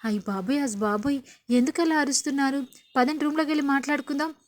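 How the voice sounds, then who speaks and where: A woman's voice: high voice, quick pace, lightly acted. A woman voicing a tearful, self-pitying young daughter-in-law in a retold TV serial scene. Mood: pleading.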